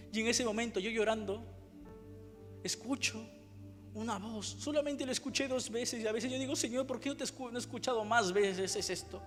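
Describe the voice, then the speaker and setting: A high-pitched man with a Spain Spanish accent delivers a heartfelt sermon testimony. He repeats phrases and reenacts his own cries. His voice rings through a church hall with long reverb and quiet music beneath. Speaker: preacher.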